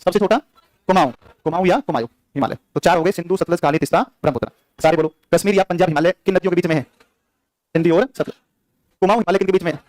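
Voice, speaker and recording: A man's voice: high voice, a little mellow, no room sound, clean studio sound. A young man teaching an exam-prep geography class with a sore throat, drilling facts through repeated quiz questions. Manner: rapid, repetitive drilling with quiz questions to students.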